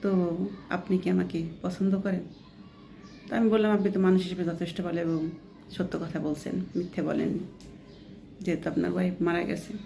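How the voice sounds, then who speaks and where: Low, gravelly-voiced woman telling a story. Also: level tone, brisk, long pauses, warm tone, slight background noise. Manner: chatty, often adds a checking tag question; plainly quotes others within the story. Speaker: vlogger. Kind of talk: casual first-person storytelling.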